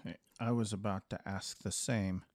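A man's voice: on the low side, fairly even intonation, moderate pace, a little mellow, no room sound, lightly acted. A man playing a wry, defiant young hero. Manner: dry, wry retorts. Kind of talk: in-character tabletop game play.

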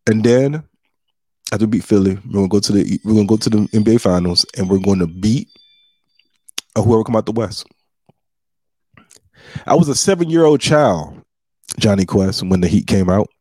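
A man hosting a casual comedy podcast, talking in a boastful, animated way with lots of emphatic trash talk. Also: on the low side, normal speed, long pauses, husky, dry recording.

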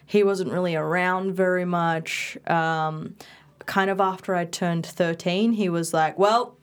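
This young woman from Bali grew up speaking Indonesian and Balinese, with Indonesian as her first language. As an interview guest she chats casually, full of fillers and restarts, in a fairly low, fairly even voice at an unhurried pace.

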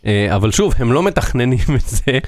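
A man's voice: mid-range voice, sing-song, no room sound, studio quality. A man co-hosting a casual chat, telling stories with many hesitations. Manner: storytelling, hesitant with fillers. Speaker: co-host.

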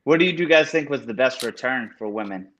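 A man's voice: mid-range voice, lively intonation, fast talker, fairly bright tone, slight background noise. A man from Houston co-hosting a casual wrestling chat, laid-back and chatty. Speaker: podcast co-host. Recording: dull lo-fi audio.

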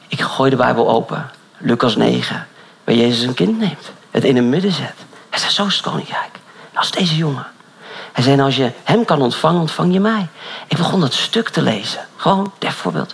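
A man preaching with personal stories, animated and storytelling, his voice often rising high. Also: creaky. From Netherlands. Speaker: pastor.

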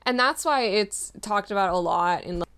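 A woman's voice: mid-range voice, lively intonation, normal speed, fairly bright tone, smooth. A woman writer co-hosting a book podcast, chatting casually, enthusiastic and informative. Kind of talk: casual chat.

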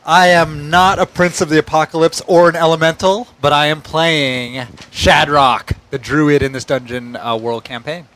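A man's voice: fairly high pitch, fairly even intonation, moderate pace, few pauses, fairly bright tone. A man speaking casually as a player on a tabletop role-playing podcast. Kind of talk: casual introduction.

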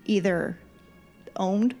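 A woman's voice: mid-range voice, drawn-out words, vocal fry, soft background music. A woman co-hosting a podcast, telling a story in casual chat and acting out the people in it. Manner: animated storyteller who acts out quoted people. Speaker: podcast co-host.

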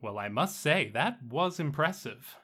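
A slick, faintly awkward male boss figure speaks through a floating drone in a tabletop game, his voice metallic and clear. He stumbles and restarts constantly, yet sounds pleased with himself. A game master puts him on with a bright tone. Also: fairly high pitch, animated, a little slow, pitched above the performer's own voice, full character voice. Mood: smug. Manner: chatty, faltering, full of restarts.

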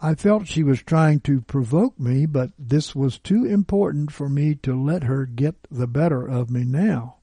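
A man reads a first-person testimony aloud in a measured, earnest manner. His voice is husky and very dark, and his pace is slow. The sound is dry and close to the mic. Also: fairly high pitch, no echo. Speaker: radio teacher reading a testimony. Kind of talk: read-aloud narration.

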